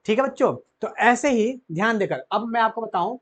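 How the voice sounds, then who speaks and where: A man's voice: high-pitched, expressive, moderate pace. A man teaching a grammar lesson to children, asking them questions and answering them himself.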